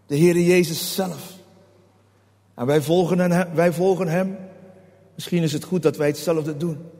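A man's voice: on the high side, fairly even intonation, unhurried, warm tone. A man preaching a sermon, passionate, who voices prayers in a raised, pleading tone. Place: hall. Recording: long hall reverb.

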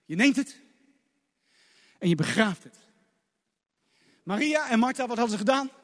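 A man's voice: very high voice, expressive, normal speed, a bit bright. A man preaching a sermon emphatically, asking the congregation rhetorical questions. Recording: long hall reverb.

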